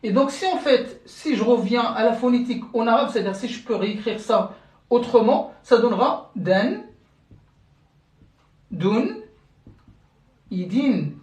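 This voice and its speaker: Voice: medium pitch, expressive, unhurried, long pauses, a little mellow. A language teacher giving a live-streamed lesson, patiently explaining step by step and checking in with viewers, often restarting and repeating words. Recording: roomy sound from away from the mic.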